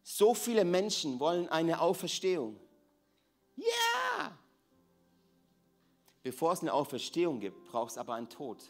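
Preacher swinging from hush to fervor. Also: male voice, on the high side, brisk, few pauses, faint music behind. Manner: dramatic swings between hushed and raised voice, repeats phrases. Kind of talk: sermon.

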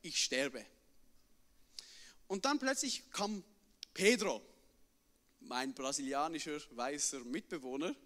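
Young man, high bright voice, lively stage storyteller, hall reverb. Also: a little slow. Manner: animated, tags sentences with a questioning "oder?". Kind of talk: live personal storytelling to an audience.

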